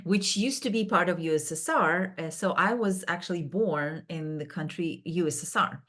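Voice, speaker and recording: Woman, lowish voice, thinks out loud with lots of ums, podcast guest. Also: normal speed. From Kazakhstan. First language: Russian. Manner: thoughtful, with many fillers and restarts. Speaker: guest, business founder. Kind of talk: podcast interview.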